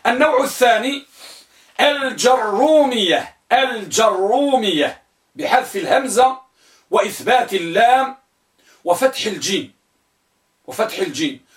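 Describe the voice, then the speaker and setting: A man teaching an Arabic grammar lesson. He quizzes his students and spells each word form out slowly, repeating it. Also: high-pitched, a bit bright, roomy sound, recorded from a distance. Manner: asks the students questions and answers them himself.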